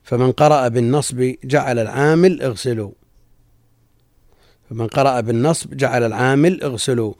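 A man teaches from a classical text, reading slowly and repeating key lines for emphasis. His voice sits in the middle range. The sound is dry and close, with almost no room echo. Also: medium pitch, darkish tone. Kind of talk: reading and explaining classical jurisprudence.

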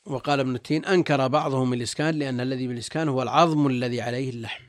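A man's voice: mid-range voice, fairly even intonation, rapid-fire, no room sound, clean studio sound. A male religious scholar reading and explaining texts in formal classical Arabic, repeating phrases as he goes. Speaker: religious scholar, guest teacher.

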